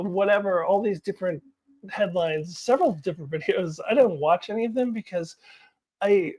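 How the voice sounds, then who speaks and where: A woman's voice: fairly low pitch, darkish tone. A woman vlogger chatting casually to viewers about her opinions, candid and self-deprecating, often laughing as she talks. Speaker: vlogger giving opinions on TV news.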